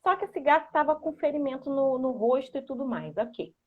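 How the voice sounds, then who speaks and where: A woman with a high voice explains early childhood learning in a lively, talkative way, often tagging sentences with a questioning "né". Her audio sounds dull and muffled, as if it came through a video call. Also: a little fast. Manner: animated, lots of "né". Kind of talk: conversational explanation and storytelling.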